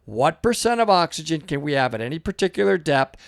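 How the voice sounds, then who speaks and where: A man's voice: fairly high pitch, sing-song, fairly quick, vocal fry, no room sound, clean studio sound. A man giving casual reaction video commentary as a diver, explaining technical points.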